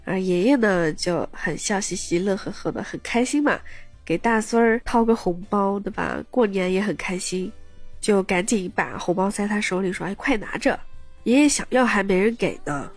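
A woman's voice: medium pitch, normal speed, faint music behind. A woman podcast host casually retelling a story, chatty, with personal asides to her listeners.

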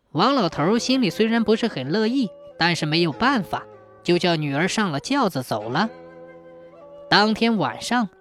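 A woman narrating a folk tale in a plain, steady way. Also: medium pitch. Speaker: storyteller.

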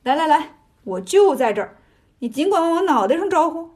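A woman's voice: high voice, big pitch swings, fairly quick, darkish tone, voice pushed up. Sun Wukong, put on by a woman: a cocky, teasing monkey king. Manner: teasing, swaggering.

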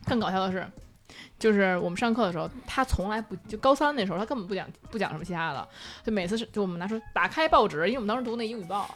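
A young woman, chatting casually and telling animated stories. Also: mid-range voice, racing, soft background music. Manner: animated storytelling, bursts of laughter. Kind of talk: casual chat.

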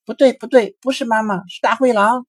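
Man putting on tiny storybook bunnies, very high, loud and bouncy. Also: lively intonation, normal speed, dry recording, studio quality. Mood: defiant. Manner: squeaky high chorus-like exclamations. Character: excited little bunny children.

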